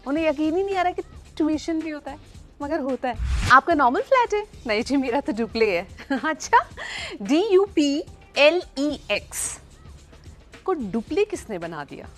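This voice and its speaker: High-voiced woman teaching pronunciation. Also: a bit bright. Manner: playful, teasing, spells words out letter by letter. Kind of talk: chatty pronunciation lesson.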